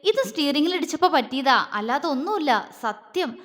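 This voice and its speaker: A woman voicing a tender young man who speaks softly and coaxingly to his beloved in an audio story. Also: sits high, sing-song, normal speed. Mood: soothing. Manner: soft, coaxing, affectionate.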